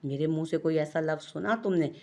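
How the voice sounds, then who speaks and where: A woman's voice: low-pitched, a little fast, darkish tone. A woman with an Urdu accent voicing a playful young husband who teases his wife with mock innocence. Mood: teasing.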